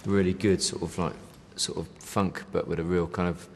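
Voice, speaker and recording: A band member being interviewed speaks at normal speed in a deep voice with little pitch movement; the sound is big-room with slight background noise. He chats casually, rambling and leaning on fillers, "you know", and the occasional "mate".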